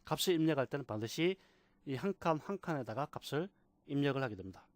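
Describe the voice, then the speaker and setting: A man teaching a software class, patiently repeating key terms and asking rhetorical questions. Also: mid-range voice, animated, quick pace, no room sound. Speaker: computer instructor. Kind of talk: screen-recorded software tutorial.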